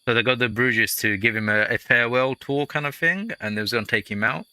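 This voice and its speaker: A man's voice: medium pitch, a little fast, bright, forceful tone, clear, resonant tone. A man hosting a let's play, giving casual gameplay commentary that rambles into chatty, jokey storytelling.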